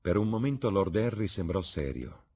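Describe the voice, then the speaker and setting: A man reading a classic novel aloud as narrator, measured and expressive. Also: low voice, husky. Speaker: audiobook reader. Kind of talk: scripted narration.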